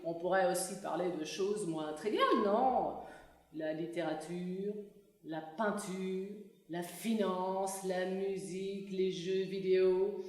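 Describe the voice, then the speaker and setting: A woman's voice: on the low side, slow pace, darkish tone, voice pushed down. A woman playing a lazy, wheedling husband in a comedy sketch, with a hesitant, evasive drawl. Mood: dreamy evasion. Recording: echoey hall, distant microphone.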